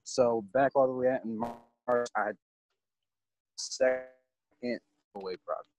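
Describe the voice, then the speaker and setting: A man's voice: medium pitch, slow, no room sound. A man chatting casually as a podcast guest over a video call, with the line choppy and cutting in and out. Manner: relaxed, slangy, rambling. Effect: choppy video call audio cutting in and out. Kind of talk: casual chat.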